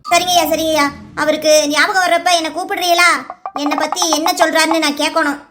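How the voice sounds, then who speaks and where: A woman voicing a sweet, very high-pitched village girl. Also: flat delivery, fast, background noise. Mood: earnest. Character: sweet timid young village girl Mohana. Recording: music bed under voice.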